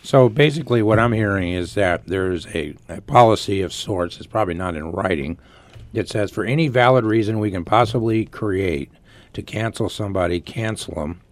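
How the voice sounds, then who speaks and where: A hoarse man co-hosting a talk radio show, asking plainspoken questions. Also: low voice. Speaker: radio co-host.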